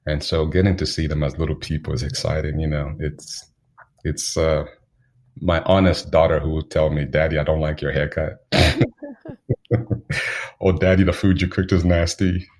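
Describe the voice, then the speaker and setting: A man from Zambia speaks as an interview guest, his voice extremely low and rough with fry. He tells his stories at an unhurried pace, holding his pitch level and even, and he chuckles now and then. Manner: unhurried, anecdotal, chuckles while telling stories. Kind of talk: reflective storytelling in an interview.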